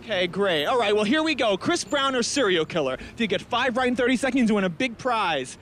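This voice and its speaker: Man, game show host, very high-pitched, brash, mocking, handheld mic, city street, faint traffic. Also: very animated, a bit bright. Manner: brash, mocking, rapid-fire. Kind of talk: loud comic street quiz. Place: busy city street outdoors. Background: traffic and street ambience.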